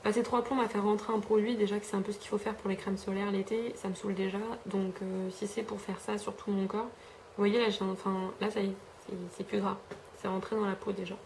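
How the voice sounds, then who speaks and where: A young French woman chats her way through a beauty haul, full of fillers and self-corrections. Her voice has a gravelly, fry-laden texture. She is filmed at home on a camera mic, with a faint hiss in the background. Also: medium pitch, little pitch movement, a little fast, darkish tone. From France. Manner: chatty, rambling, with frequent fillers and self-corrections. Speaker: beauty vlogger. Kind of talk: casual haul review chat.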